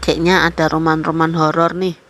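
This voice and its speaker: A woman voicing a relaxed male street stall owner who talks in easygoing, slangy banter. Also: sits low, normal speed, slight background noise.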